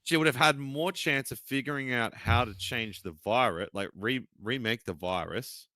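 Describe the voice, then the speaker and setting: A man's voice: medium pitch, normal speed, pushed and bright, dry recording. A man co-hosting a casual chat, blunt and swearing often, trailing off mid-sentence. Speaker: podcast co-host.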